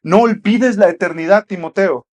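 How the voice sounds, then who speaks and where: A male pastor preaching a sermon. He speaks emphatically, repeats rhetorical questions, and swings from loud passages to hushed ones. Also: high-pitched, normal speed.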